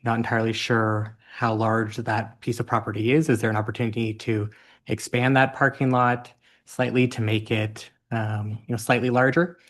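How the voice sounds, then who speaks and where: A man's voice: medium pitch, little pitch movement, normal speed. A man serving as town councillor, politely asking staff a question at a meeting and thinking aloud with ums.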